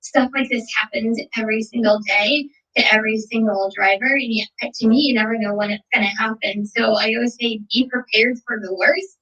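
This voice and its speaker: A woman's voice: a little high, a bit bright. A woman giving casual, emphatic advice in a group talk, repeating her points. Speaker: gig delivery driver. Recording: distant, dull lo-fi call audio.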